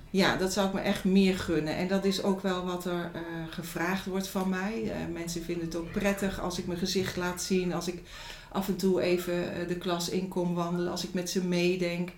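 A woman's voice: lowish voice, steady tone, normal speed, hardly any pauses, darkish tone, slight background noise. A middle-aged woman, a school director, speaking in an interview in a reflective, hesitant way with many fillers. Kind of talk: interview and reading aloud. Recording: echoey room, faint music.

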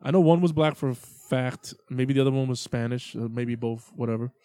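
A man's voice: medium pitch, brisk, warm tone, no room sound. A man co-hosting a casual podcast, joking crudely and slipping into silly put-on voices. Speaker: podcast co-host.

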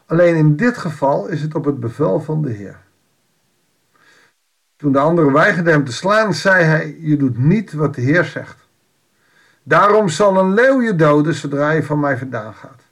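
Gravelly, slightly high-voiced man preaching. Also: expressive, unhurried. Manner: conversational, with wry humorous asides. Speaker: preacher reading and explaining Bible passages. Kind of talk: informal Bible devotional.

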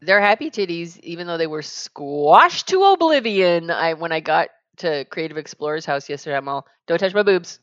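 A middle-aged woman with a gravelly, groggy just-woken voice, chatting casually as a podcast co-host. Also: deep voice, expressive, moderate pace, few pauses, fairly bright tone, dry recording, lo-fi sound. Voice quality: gravelly morning voice.

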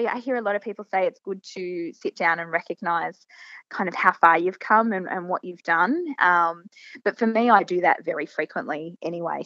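A woman's voice: lowish voice, fairly bright tone, dry recording, lo-fi sound. Reflective Australian woman in her thirties. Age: 30s. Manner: reflective, earnest, many restarts and fillers. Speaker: guest business founder. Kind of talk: casual interview conversation.

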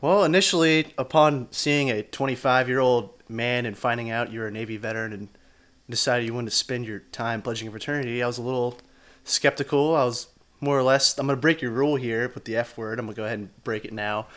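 A man in his twenties, a podcast guest, chatting casually in a blunt, deadpan way and swearing freely. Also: medium pitch, brisk.

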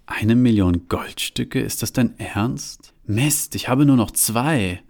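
A man's voice: expressive, slow, gravelly, darkish tone, heavily acted. A man reading a story aloud, voicing a cocky 27-year-old woman who talks in a brash, challenging way. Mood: startled. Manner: brash, challenging, rising into shrill teasing. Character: young woman, 27, feisty and cocky.

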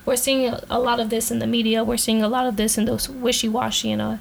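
Woman co-host, relaxed slang-heavy delivery, upper-range pitch. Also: fast talker, gravelly, slight background noise. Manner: slangy, laid-back, laughs often. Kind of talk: casual podcast chat.

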